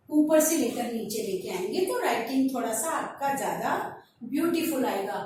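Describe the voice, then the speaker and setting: A woman teaching kindergarten children in an online class, sounding out letters one by one and stretching each syllable. Her voice sits high and moves at an unhurried pace. She is heard from some distance in a strongly echoing room with a faint hiss underneath. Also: a little mellow. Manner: slow, drawn-out syllable drilling.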